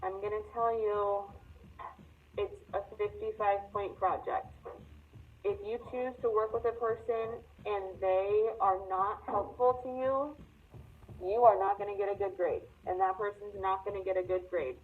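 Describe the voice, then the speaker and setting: A woman's voice: medium pitch, steady tone, unhurried. A woman teacher giving an online class, explaining an assignment emphatically and repeating her warnings. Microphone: video call audio. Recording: tinny online call audio.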